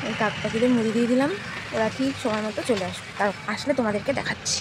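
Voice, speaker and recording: A woman's voice: fairly high pitch, fairly even intonation, very fast. A young woman chatting casually to her viewers as friends in a home vlog, filmed on a phone at home. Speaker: home vlogger. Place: family home. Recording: noisy home recording.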